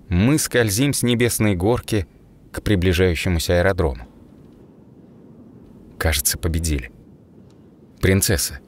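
Music plays as a man with a voice on the low side reads a dramatic first-person tale. He narrates like an audiobook reader, expressive and paced in short, measured phrases.

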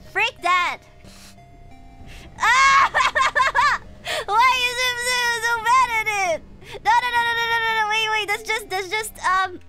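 Her voice is extremely high, bright and forceful: a young virtual streamer, non-native English accent, not a native English speaker, giving live commentary on a horror game. She reads her chat aloud and chats with viewers over game music, letting out shrieks and giggles when something makes her jump.

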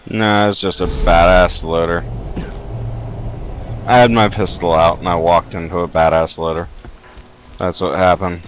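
A man chatting through a let's-play session, his voice a little low. He explains things in a relaxed, easygoing way. A clear hiss and game sounds run under his mic. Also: unhurried, long pauses, low-quality recording. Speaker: gamer. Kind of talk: casual let's-play chat.

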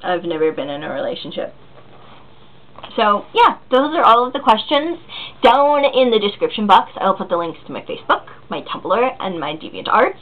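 A woman's voice: a little high, expressive, normal speed. A woman in her early twenties chatting casually as a vlogger answering viewer questions, rambling and giggly with lots of ums and likes. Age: 20s. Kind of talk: casual chat. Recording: tinny phone-like recording.

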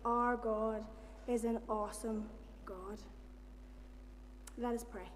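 A woman's voice: fairly high pitch, steady tone, takes it slowly. A middle-aged woman with a Northern Irish accent, leading informal worship and prayer from a church lectern. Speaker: visiting church service leader. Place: indoor church hall at a lectern. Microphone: gooseneck lectern microphone. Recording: reverberant hall, faint noise and hum.

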